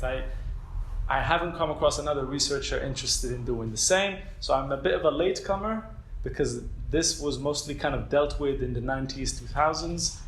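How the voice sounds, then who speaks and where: Speaking in a mid-range, fairly bright voice, a young man from Morocco who is doing a PhD talks informally to a roomful of listeners. He hesitates, fills gaps often and pokes fun at himself. Echo and faint background noise fill the lecture room.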